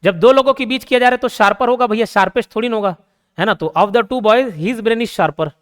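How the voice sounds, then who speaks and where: A young man with a Hindi accent teaching grammar, explaining patiently, repeating key points and reading English example sentences slowly. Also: high voice. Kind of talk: grammar lesson.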